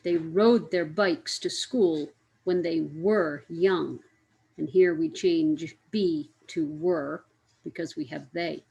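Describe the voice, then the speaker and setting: A woman with a fairly low voice explains grammar rules in a slow, deliberate way. She spells out letters one by one and repeats each example word so learners can follow. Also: fairly even intonation, vocal fry, warm tone, dull audio. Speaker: English teacher. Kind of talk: grammar lesson.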